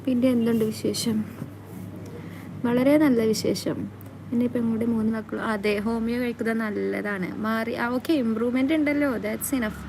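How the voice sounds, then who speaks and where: A woman's voice: a little high, steady tone, gravelly, noisy background. Playful woman chatting on a live stream. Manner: playful, teasing, quick back-and-forth. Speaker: vlogger reading live comments. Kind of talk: casual live-stream chat.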